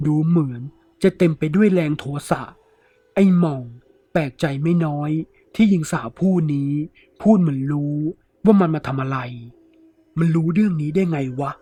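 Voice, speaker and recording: A man's voice: a little high, normal speed, warm tone, no room sound. Male storyteller with a raised voice. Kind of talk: scripted horror story narration.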